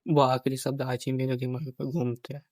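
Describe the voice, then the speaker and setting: A man's voice: medium pitch, level tone, fairly quick, darkish tone, dry recording. A young man, a vlogger, talking about a painful personal memory and often repeating his phrases as he tells it. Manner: grieving, repeats phrases, quotes others in dialogue. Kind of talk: personal storytelling vlog.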